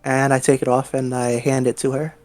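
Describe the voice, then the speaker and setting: A man playing a tabletop game, chatting casually as he describes his actions and haltingly thinks out loud. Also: medium pitch, monotone, dry recording.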